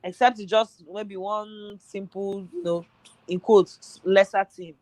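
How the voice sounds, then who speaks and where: On a casual football podcast, a pundit speaks slowly in a mid-range, slightly mellow voice with fairly even intonation. His worn-thin voice is nearly gone, and he hesitates, thinking aloud with lots of fillers, in a dry recording of poor quality.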